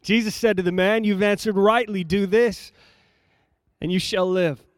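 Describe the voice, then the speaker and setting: A man preaching a sermon, reading scripture aloud and explaining it in a measured, emphatic way, repeating phrases for effect. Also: high voice, fairly even intonation, dry recording, clean studio sound.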